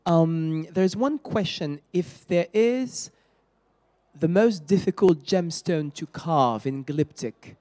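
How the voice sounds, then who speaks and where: A man presenting an upcoming exhibition and reading out audience questions in a formal, measured way. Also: on the high side, animated, dark tone.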